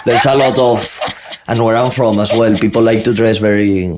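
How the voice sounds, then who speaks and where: A man's voice: on the low side, fairly even intonation, normal speed, background noise. A man from Spain with a Spanish accent, guesting on a podcast and chatting easily, often chuckling and adding "you know". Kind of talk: casual podcast chat.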